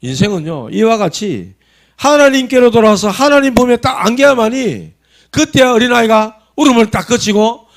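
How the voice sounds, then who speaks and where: A male pastor with a Gyeongsang accent preaching a sermon, telling stories animatedly and swinging between soft and loud. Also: extremely high pitch, lively intonation, normal speed. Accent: Gyeongsang dialect.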